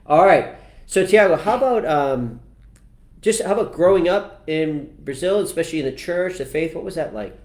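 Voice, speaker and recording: A man's voice: fairly high pitch, animated, moderate pace. A man in his forties, a priest hosting a casual parish livestream interview, talking in a chatty, joking way with lots of "uh" fillers. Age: 40s. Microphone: computer camera mic. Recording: echoey parish room.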